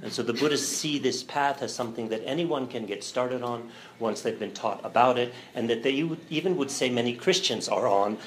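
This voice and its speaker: A middle-aged man, a religion professor, giving a relaxed, thoughtful lecture with fillers and a light sense of humor. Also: medium pitch, fairly quick, slight background noise, low-quality recording. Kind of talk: lecture to a church audience.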